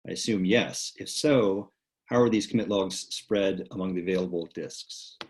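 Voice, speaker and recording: A man moderating a live online Q&A, reading out audience questions with relaxed fillers. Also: sits low, moderate pace. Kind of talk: hosting a live Q&A. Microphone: video call.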